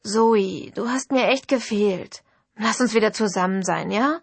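Female reader playing a clumsy teenage boy, tipsy and pleading, husky tone, dry studio. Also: medium pitch, unhurried, dry recording.

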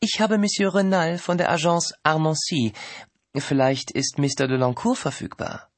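A man voicing a young woman who plays a French agency's assistant on the phone, businesslike and calm. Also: a little high, moderate pace, dry recording, voice pushed up, natural voice.

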